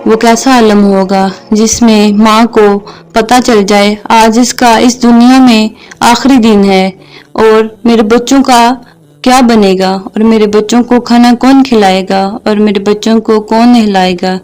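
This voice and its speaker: A woman's voice: fairly high pitch, steady tone, a little mellow, smooth. A woman narrating a religious story in a heartfelt way, turning to speak to listeners directly. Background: faint background music.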